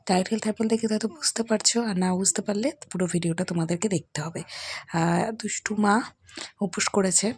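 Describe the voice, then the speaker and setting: A woman's voice: medium pitch, darkish tone, slightly rough. A young woman with a Bengali accent, narrating a casual home vlog and talking straight to her viewers. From West Bengal, India. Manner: chatty, addresses viewers directly. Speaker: vlogger. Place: family home.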